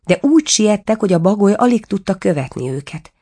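A woman narrating a storybook tale in a measured, even way. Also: medium pitch, slightly rough. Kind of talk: storybook reading.

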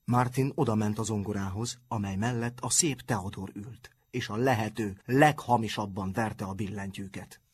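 A man narrating an audiobook in an even storytelling manner. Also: lowish voice, few pauses, slightly rough.

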